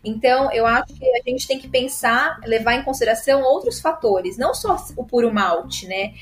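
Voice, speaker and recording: A female sommelier guest with a Brazilian Portuguese accent explains things at length in casual chat, full of filler tags and restarts. Her voice is on the high side, at a moderate pace.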